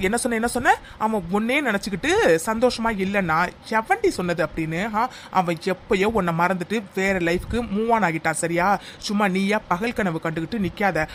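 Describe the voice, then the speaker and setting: A man voicing a hot-headed young man who loudly defends his friend in a cartoon love story. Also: high voice, a little hiss or hum. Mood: angry. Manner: loud, scolding, heated. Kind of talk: cartoon voice acting.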